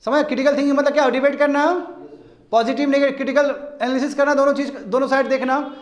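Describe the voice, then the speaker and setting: High-voiced man lecturing a class. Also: quick pace. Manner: animated, asks students rhetorical questions. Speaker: teacher. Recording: echoey classroom.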